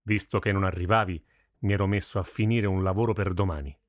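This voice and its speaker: A man playing a burly, gruff blacksmith father who scolds with weary exasperation in a storybook reading. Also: low voice, steady tone, quick pace, dry recording, studio quality, natural voice. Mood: needling.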